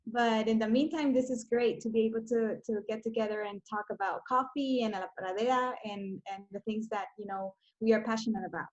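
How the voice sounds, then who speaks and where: Woman from honduras on a lo-fi video call, fairly high voice, lots of ums. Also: fairly even intonation, brisk, hardly any pauses. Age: 40s. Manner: hesitant, many fillers and restarts. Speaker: coffee trade representative. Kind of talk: casual video call chat.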